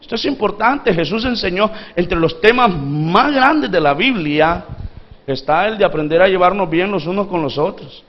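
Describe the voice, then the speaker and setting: A Honduran pastor with a high, lively voice preaches a sermon at a moderate pace, calling on the congregation to respond. He acts out the pleading voices from the parable, and the sound is lo-fi.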